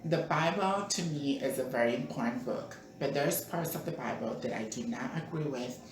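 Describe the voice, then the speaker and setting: A woman's voice: rumbling low, moderate pace. A woman vlogging, answering viewer questions in a chatty, playful way with frequent ums and restarts. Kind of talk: casual Q&A vlog. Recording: echoey room, distant mic, background noise.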